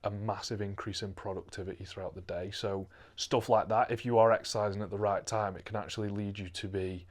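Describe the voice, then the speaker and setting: Low-voiced man with a Stoke accent. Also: fairly even intonation, brisk, hardly any pauses. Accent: Stoke-on-Trent. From England. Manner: chatty, swears, restarts phrases. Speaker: podcast host, fitness coach. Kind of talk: casual podcast chat. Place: podcast studio.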